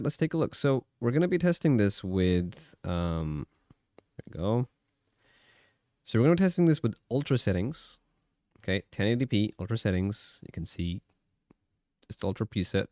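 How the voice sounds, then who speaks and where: A man's voice: sits low, a little mellow, dry recording. A man speaks. He gives casual, conversational commentary as he tests a gadget, often checking in with the listener. The sound is close and dry. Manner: conversational, talks through tests with frequent check-in questions. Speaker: tech reviewer. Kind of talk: casual hands-on gaming handheld commentary.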